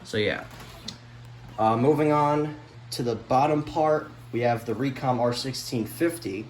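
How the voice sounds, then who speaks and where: Speaking a little slowly in a medium pitch, a vlogger casually tours his collection of weather radios without a script. He meanders, repeats himself and seems mildly exasperated, recorded in an echoey room with faint noise behind him.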